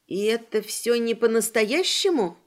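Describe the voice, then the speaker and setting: A woman's voice: on the high side, animated, a little slow. A woman reading voicing a frightened, weeping young woman who pleads and sobs. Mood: fearful. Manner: sobbing, pleading, breathless fear.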